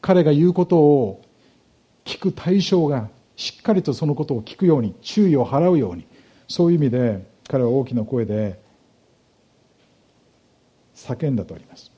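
Male pastor delivering an expository sermon; dark, husky voice, patient teaching manner. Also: mid-range voice, expressive, muffled recording. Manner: explanatory, measured, with rhetorical questions to the congregation.

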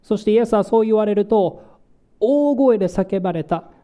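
High-voiced, dark-toned preaching man. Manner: asks the congregation questions and explains scripture slowly. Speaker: pastor. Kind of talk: sermon.

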